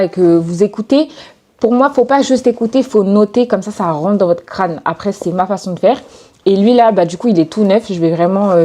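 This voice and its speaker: A young woman talks casually to her viewers in a loose, chatty vlog style, full of fillers and slang. Her voice is mellow and soft-edged, sitting at an ordinary pitch. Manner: chatty, informal, many fillers. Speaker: lifestyle vlogger. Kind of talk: casual vlog talk to camera.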